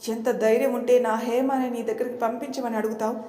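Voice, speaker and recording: A woman reading a young husband, anguished, pleading, a bit high, echoey hall. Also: little pitch movement, brisk, dark tone, natural voice. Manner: emotional, pleading. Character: young married man, anguished and righteous. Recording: echoey room with long reverb.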